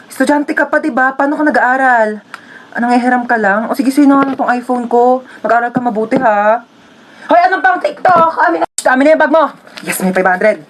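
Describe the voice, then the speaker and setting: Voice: sits high, slight background noise, close to an everyday voice. A performer doing a brash, pushy robber. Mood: demanding. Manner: brash, fast, demanding. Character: bossy hold-up robber, cocky adult.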